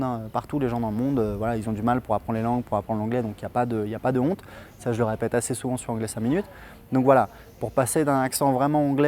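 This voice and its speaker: Man, native French speaker, English teacher, channel host, casual lesson, chatty, hesitant, mid pitch. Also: a little mellow. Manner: loose and chatty, many hesitations. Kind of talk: casual spoken lesson to camera.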